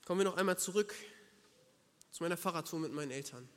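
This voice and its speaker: Earnest, high-voiced male preacher. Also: quick pace, in a large hall. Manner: earnest, emphatic, addresses listener directly. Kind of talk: sermon.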